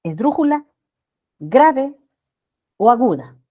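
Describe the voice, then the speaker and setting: A woman teacher giving a grammar lesson to students, often checking in with them and drawing out words slowly for emphasis. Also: a little high, sing-song, muffled recording. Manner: addresses students with frequent checking questions.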